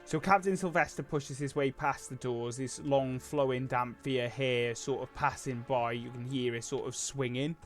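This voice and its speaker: A man runs a tabletop game in an unhurried, hesitant way, often stopping to think mid-sentence. He sounds middle-pitched and easygoing, with faint music playing in the background. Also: steady tone. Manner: laid-back, hesitant with frequent ums. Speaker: game master.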